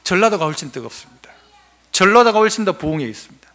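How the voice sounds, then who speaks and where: High, bright-voiced male pastor preaching. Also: sing-song, fast talker. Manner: asks the congregation questions and answers them himself. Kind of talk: sermon.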